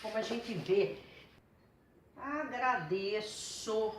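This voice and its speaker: A woman teaching a grammar lesson, patient and repetitive, slowing down to spell out her examples. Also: mid-range voice, animated, reverberant, a little hiss or hum. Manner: patient, repeats words and restarts, slows to spell out examples.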